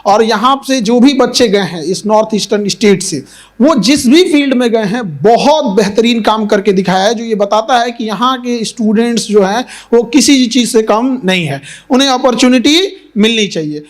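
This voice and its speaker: A teacher giving an earnest motivational speech to students, repeating key points and mixing in English phrases. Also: male voice, sits high, moderate pace.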